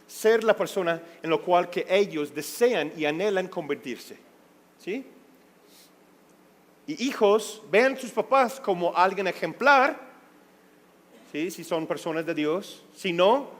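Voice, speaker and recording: Man, pastor, conversational sermon, high pitch, long church reverb. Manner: conversational, constantly checks in with listeners. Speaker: pastor teaching a Bible study.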